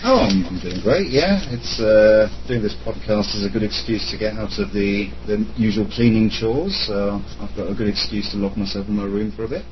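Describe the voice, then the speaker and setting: A man's voice: fairly low pitch, moderate pace, hardly any pauses. A man in his thirties, from Germany and raised in Italy, answering interview questions from his room at home in a rambling way, with many fillers and restarts. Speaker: podcast guest, web accessibility expert. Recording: slightly dull lo-fi audio with faint hum.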